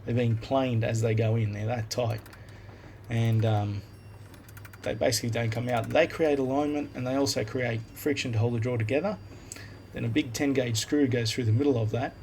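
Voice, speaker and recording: On a noisy phone voice memo, an Australian man with a medium-pitched, gravelly voice narrates a workshop build for his woodworking videos. He's casual, relaxed, and plain-spoken, going step by step, with a voice recorder app standing in for a microphone.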